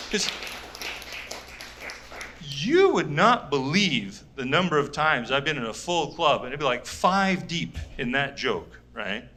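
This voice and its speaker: A man's voice: on the high side, bright, forceful tone, a little hiss or hum. A man doing a stand-up comedy set for a small audience, rambling and cutting himself off often. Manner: rambling, self-interrupting, restarts often. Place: small live audience venue.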